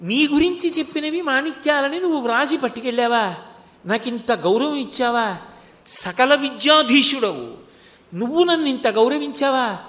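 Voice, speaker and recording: A man's voice: extremely high pitch, animated, normal speed, a bit bright, pitched above the performer's own voice. A man voicing an ecstatic elderly male saint who calls out in overwhelmed, tearful praise, in a long-reverb hall. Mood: ecstatic awe.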